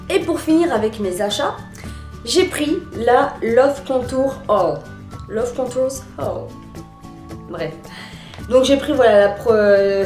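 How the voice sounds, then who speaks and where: A woman's voice: fairly high pitch, mellow, echoey room. A woman chatting casually in a beauty haul video, full of fillers and restarts. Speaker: beauty vlogger.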